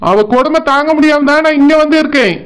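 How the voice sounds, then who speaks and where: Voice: high voice, quick pace, fairly bright tone. A voice actor playing a hot-headed, protective older brother who blusters defiantly, with a Tirunelveli Tamil accent.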